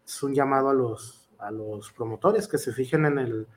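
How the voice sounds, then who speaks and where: A man's voice: medium pitch, normal speed. A man with a Mexican accent, a professional wrestler answering interview questions in an earnest, rambling way full of fillers and restarts.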